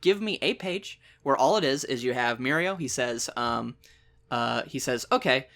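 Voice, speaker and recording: Excitable bright-voiced man. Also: mid-range voice, moderate pace. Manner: excitable, laughs often, acts out quotes. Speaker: podcast guest. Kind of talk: casual chat.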